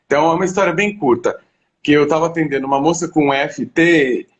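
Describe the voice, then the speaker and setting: A man's voice: a little high, fairly quick, muffled recording. A man from Minas Gerais, a therapist telling stories in conversation and laughing as he goes. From Minas Gerais, Brazil. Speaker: therapist guest. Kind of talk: conversational storytelling.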